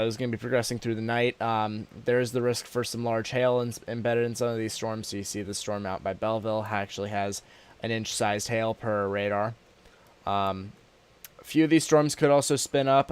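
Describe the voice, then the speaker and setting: Male weather streamer, low clear voice, nursing a sore throat; informal, halting, off the cuff. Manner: informal, halting, addressing viewers as y'all. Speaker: weather livestream host. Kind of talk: live weather commentary, casual and unscripted.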